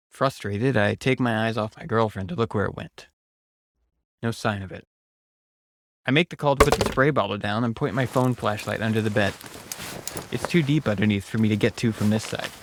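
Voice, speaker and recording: A man's voice: mid-range voice, a little hiss or hum. A man reading a scripted first-person horror story as its narrator. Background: music.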